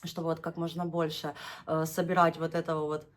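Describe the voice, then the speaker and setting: A young woman with a low-pitched, level voice talks a little fast on her knitting vlog as she unboxes and shows off yarn. She chats casually, gushes over it, laughs often and draws out her words whenever she names a color.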